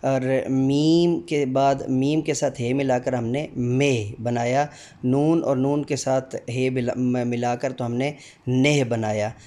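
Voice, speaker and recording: A middle-aged male teacher explaining the Urdu alphabet, calling out each letter slowly with many fillers between explanations. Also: mid-range voice, fairly even intonation, dark tone. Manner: drawn-out letter recitation with frequent fillers.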